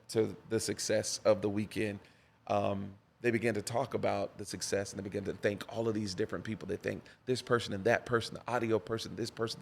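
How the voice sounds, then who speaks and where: With a fairly low, creaky voice, a man who is a pastor shares personal stories as a podcast guest. His storytelling is animated, carried by a preacher's cadence and plenty of repetition for emphasis in this conversational interview.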